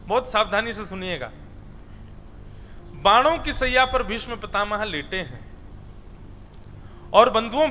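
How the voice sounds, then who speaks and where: High, bright-voiced man preaching a devotional sermon. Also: in a large hall. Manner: expressive, rising and falling for emphasis, addresses listeners as brothers. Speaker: kathavachak preacher. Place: stage at a religious discourse.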